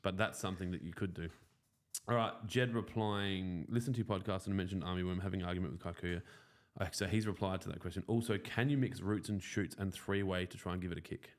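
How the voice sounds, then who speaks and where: A man's voice: sits low, fairly even intonation, fast. A man with a broad Australian accent and a blokey, sweary, joking manner, hosting a casual live chat. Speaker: host of a lawn care show. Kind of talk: casual live chat answering viewer questions.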